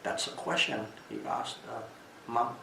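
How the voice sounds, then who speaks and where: A man with a Burmese accent giving a Buddhist talk as a teacher, telling stories in a deliberate, halting way and repeating phrases for emphasis. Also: medium pitch, steady tone, gravelly, bright, forceful tone. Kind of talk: dhamma talk with storytelling. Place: echoey room at a retreat. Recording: distant mic, echoey room, background hiss.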